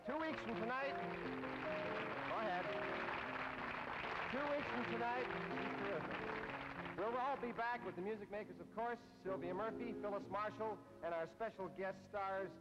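Man, 1950s TV broadcast host, high voice, dull lo-fi sound, loud big band behind. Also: over loud music. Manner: brisk, cheerful emcee calling out names. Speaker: show host and bandleader. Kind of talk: live TV emcee thanks and sign-off.

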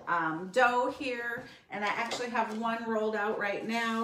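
A middle-aged woman hosts a live cooking demonstration in her home kitchen, chatting friendly with viewers as she works at the counter. Her voice is on the high side and fairly bright. A fixed camera across the counter picks her up, with roomy kitchen echo.

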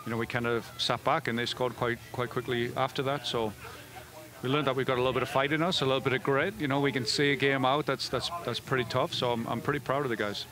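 Answering questions after a game, this middle-aged head coach of a soccer team speaks quickly into a headset microphone, full of fillers and frequent sentence restarts. He's in an indoor media room before a backdrop, and his mid-range voice keeps fairly even intonation.

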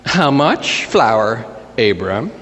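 A man's voice: very high-pitched, expressive, brisk, big-room sound, highs cut off, a little hiss or hum, voice pushed up. A man voicing a wry, mocking woman of great age with a dry, sarcastic delivery.

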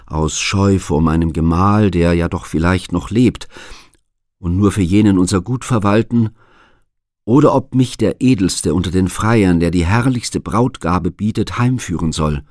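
A man reading the lines of a grieving, dignified queen in a measured, solemn way. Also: sits low, darkish tone, no room sound, studio quality. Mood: pondering. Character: grieving noble queen, woman, doubtful and dignified.

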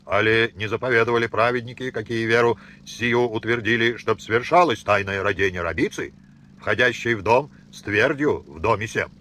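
A man's voice: fairly low pitch, normal speed, bright, forceful tone. A man voicing a harsh, commanding old peasant father who speaks in rustic dialect and threatens. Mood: stern. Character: stern old male Old Believer father.

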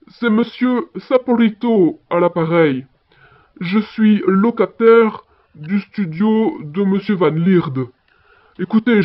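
Man on a muffled answering machine message. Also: high voice. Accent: Belgian French. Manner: chatty, fillers like voilà and hein. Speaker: caller. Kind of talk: phone message in a listening exercise.

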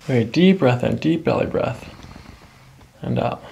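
A middle-aged man working as a chiropractor offers a patient short, soothing instructions step by step as he treats them by hand. His medium-pitched voice is warm with vocal fry and a measured pace; faint noise sits behind it in the small indoor office.

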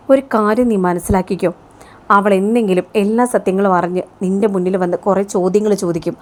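A woman's voice: medium pitch, close to an everyday voice. A woman doing a blunt, mocking male friend.

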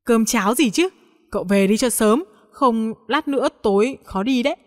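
A woman's voice: on the high side, moderate pace, a little mellow, long reverb tail, close to an everyday voice. A woman voicing a nervous young man who keeps hurriedly deflecting. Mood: evasive. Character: flustered young man hiding a secret.

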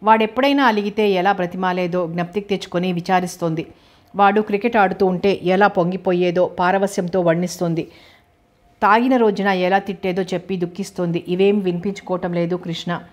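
Lady narrating an audiobook, does all the characters' lines herself, even voice. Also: lowish voice, a little fast.

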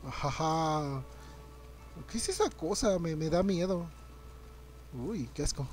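A young man, streaming a game live, reacting loudly, swearing and greeting his chat. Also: sits high, animated, a little slow, faint music behind. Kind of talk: live gameplay commentary.

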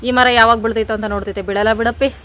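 A woman speaking rural Kanakapura Kannada, chatting at home in a casual couple vlog and teasing her partner with playful scolding. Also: a little high. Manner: rapid, animated, playful scolding. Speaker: vlogger.

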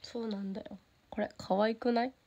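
A woman's voice: fairly high pitch, steady tone, fairly quick, dark tone. A teenage girl with a Kansai accent, chatting casually on a livestream, reading fan comments and giggling often. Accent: Kansai Japanese. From Japan. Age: teens. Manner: bubbly, giggly, easily delighted by comments. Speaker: idol streaming to fans.

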